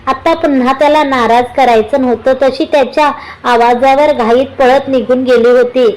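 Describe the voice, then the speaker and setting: A woman narrating a romantic family story with steady, even storytelling. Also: sits high, normal speed, low-quality recording. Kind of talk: storybook reading.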